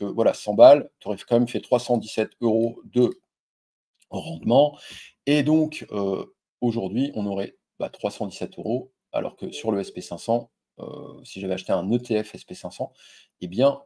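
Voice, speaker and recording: A man's voice: fairly low pitch, dark tone, breathy edge. A man hosting an investing video, talking casually and directly to the viewer with lots of fillers and crude slang. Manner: loose and chatty, frequent fillers and crude slang; addresses viewer directly and informally. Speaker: stock investing video host. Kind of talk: casual screen-share investing explainer.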